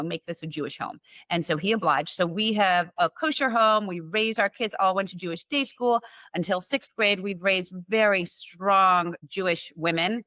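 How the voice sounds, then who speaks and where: As an interview guest, a middle-aged woman born in Iran and raised in Los Angeles tells her family story earnestly and fluidly, with lots of fillers and restarts. Her voice is fairly low and a bit bright, with no room sound.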